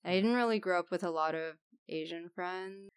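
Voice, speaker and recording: A woman who grew up in Texas, chatting as a podcast guest, tentative and unhurried. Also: lowish voice, smooth, no room sound, studio quality. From Texas, United States. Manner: unhurried, tentative, with "like" and "I don't know". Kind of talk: casual chat.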